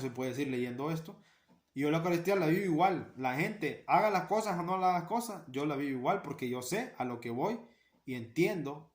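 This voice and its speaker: A man's voice: on the high side, reverberant. A man giving an earnest talk on liturgy, repeating key phrases for emphasis. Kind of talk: spoken catechesis talk.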